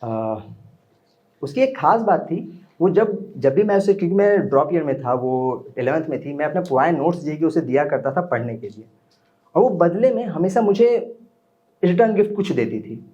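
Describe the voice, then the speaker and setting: A man's voice: fairly high pitch, expressive, moderate pace, dark tone, lo-fi sound. A young man telling a personal story at an open mic, chatting with the audience in between. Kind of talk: live storytelling performance. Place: small indoor open mic venue.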